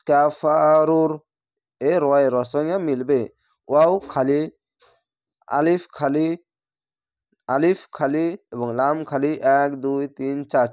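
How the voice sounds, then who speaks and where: A man with a Bangladeshi Bengali accent teaches Quran reading in a slightly high voice. He stretches each word out slowly, then explains the rule in plain speech. The sound is close and dry, with no room echo. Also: darkish tone. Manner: slow drawn-out recitation of words between explanations. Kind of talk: spelled-out Quran reading lesson.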